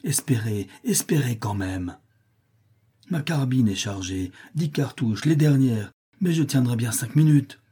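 A man's voice: medium pitch, expressive, unhurried, warm tone, breathy edge. A man voicing a brave young mestizo fighter who reassures the women he defends. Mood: resolute. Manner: resolute, reassuring.

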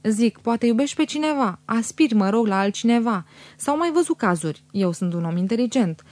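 A woman's voice: fairly high pitch, animated, darkish tone, no room sound, natural voice. A woman reading an audiobook, voicing a scheming young husband who pleads theatrically and pities himself. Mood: theatrical pleading. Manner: theatrical, self-pitying, wheedling. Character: fawning scheming young married man.

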